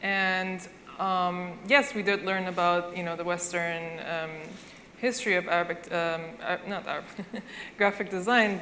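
A woman's voice: on the low side, fairly bright tone, slight background noise. Hesitant young woman student. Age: young adult. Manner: grateful, hesitant, with many fillers. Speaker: panelist, student. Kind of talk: panel discussion. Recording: hall reverb with faint ambience.

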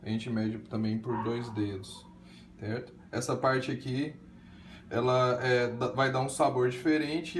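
Um homem que explica com calma um corte de carne e como prepará-lo, numa cozinha de casa. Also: male voice, mid-range voice. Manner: explains calmly, checks in with "certo?". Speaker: husband cooking as guest. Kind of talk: casual cooking demonstration. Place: home kitchen. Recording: echoey kitchen with noise.

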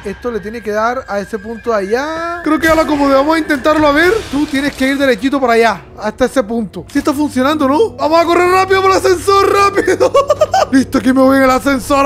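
Excitable guy commentating a game, high voice, yelps at scares, quiet game music under it. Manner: excitable, talks to viewers, yelps and laughs at scares. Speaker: gamer. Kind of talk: let's-play commentary.

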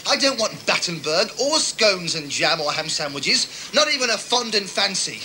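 An excitable, vain TV adventure hero, pitched high and swooping about. He is theatrical and silly, in the manner of a comedy dub. The old TV soundtrack is noisy. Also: normal speed, exaggerated voice. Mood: indignant.

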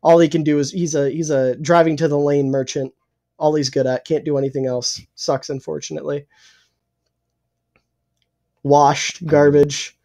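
A young man co-hosting a casual sports podcast, opinionated and swearing freely, a little hoarse and clearing his throat. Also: on the high side, level tone, brisk, mellow. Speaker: podcast co-host.

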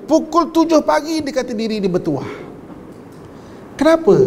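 A male preacher, telling a story to a live audience in a lively, joking way. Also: extremely high pitch, long reverb tail, a little hiss or hum.

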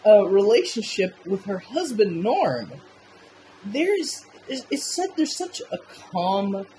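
A man talks through a film review in a loose, unscripted, enthusiastic way, swearing casually as he goes. His pitch swings widely while he gushes, his tone is darkish, and the poor audio carries a faint background hum.

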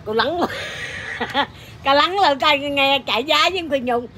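Brash woman, troupe performer, crude comic storyteller, sharp voice. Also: sits high, unhurried, slight background noise. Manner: crude, blunt and animated, laughing often. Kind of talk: casual comic anecdote.

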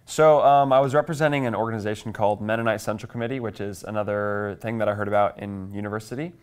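His voice sits lowish, steady and smooth, and he talks fast. He's an American-accented man from Kansas in his twenties, chatting as an interview guest on a lapel mic in a small indoor TV studio.

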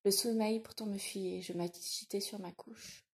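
A woman narrating a literary audiobook in a measured, reflective way. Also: medium pitch, steady tone.

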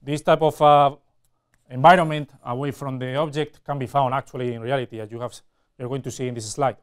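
Male lecturer, 40s, smooth clear voice, mid pitch, halting explanatory delivery for technical teaching. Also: fairly even intonation. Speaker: university lecturer. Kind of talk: technical lecture at a whiteboard with slides. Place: indoor classroom or studio with whiteboard.

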